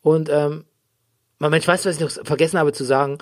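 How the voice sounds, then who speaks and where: A man hosting a casual podcast recap, joking and rambling with drawn-out hesitations. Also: on the high side, steady tone. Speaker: podcast host. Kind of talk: casual chat recapping a TV series.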